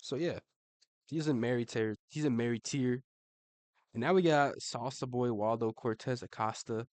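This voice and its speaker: A man's voice: mid-range voice, normal speed, darkish tone, no echo. A man giving casual, slangy commentary, swearing and tossing in "bro" constantly, with laughs between remarks. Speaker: online commentator ranking fighters.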